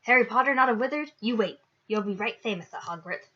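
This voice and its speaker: Woman reader doing a loud, rustic, kindly giant gamekeeper; bright, forceful tone, lo-fi audio. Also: on the high side, fast talker. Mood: gruff, warm. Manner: loud rustic dialect speech. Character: big gruff kindly male giant gamekeeper. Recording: dull lo-fi recording.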